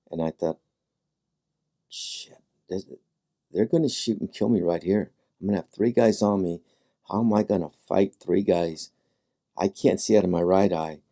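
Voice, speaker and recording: A man with a low, very dark and mellow voice recounts a personal story as a podcast guest. He speaks in a measured, dramatic way, pausing often and acting out his own past thoughts. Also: vocal fry. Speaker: podcast guest, former highway patrol sergeant.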